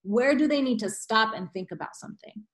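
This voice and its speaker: A woman's voice: a little high, expressive, brisk. A woman writing teacher talking on a podcast, emphatic and full of rhetorical questions, often tagging "right?". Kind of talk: podcast conversation.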